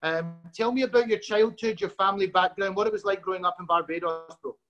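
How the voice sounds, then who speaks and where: A man hosting a casual sports interview, friendly and halting with lots of fillers. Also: high voice, steady tone, a bit bright, highs cut off, faint music behind. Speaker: host.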